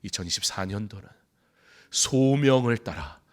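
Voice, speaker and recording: A man preaching a Sunday sermon in a church, swinging from loud outbursts to hushed whispers and acting out short dialogues. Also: fairly low pitch, expressive, a little slow. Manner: acts out short dialogues in different voices. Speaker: pastor. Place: church sanctuary.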